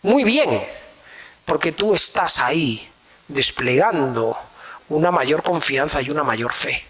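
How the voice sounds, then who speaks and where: A man's voice: fairly high pitch, expressive, slow pace, fairly bright tone. A middle-aged man, preaching a sermon as pastor and repeating key phrases for emphasis.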